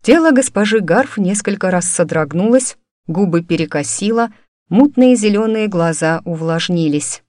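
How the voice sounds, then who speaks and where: A woman narrating an audiobook in the first person, with steady, even storytelling. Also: medium pitch, moderate pace, no echo, studio quality.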